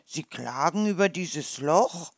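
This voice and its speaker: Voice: medium pitch, expressive, takes it slowly, no echo, clean studio sound. A storyteller voicing a small, curious, naive hedgehog who asks wondering questions.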